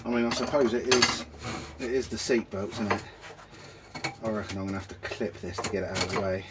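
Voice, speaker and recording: A man's voice: on the low side, little pitch movement, brisk. A middle-aged man from the UK vlogging casually inside a motorhome, muttering and grumbling to himself as he works on repairs. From United Kingdom. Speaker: travel vlogger. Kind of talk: casual self-talk while doing repairs. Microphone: camera mic set down nearby. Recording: noisy camera recording with clicks.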